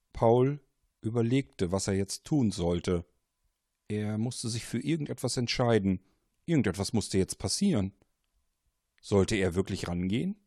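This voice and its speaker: A man narrating a suspenseful story in a measured, deliberate manner. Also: fairly low pitch, darkish tone, no room sound, clean studio sound.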